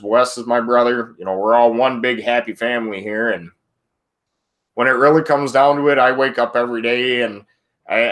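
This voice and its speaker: A man's voice: mid-range voice, fairly bright tone. A man hosting a casual podcast, talking in a friendly, rambling way and often correcting himself. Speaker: podcast host. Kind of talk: casual chat.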